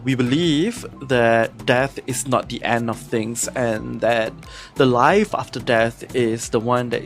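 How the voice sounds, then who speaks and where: Man, podcast co-host, reflective, halting with fillers, mid pitch, faint music behind. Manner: reflective, searching for words with many fillers. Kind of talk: casual podcast conversation.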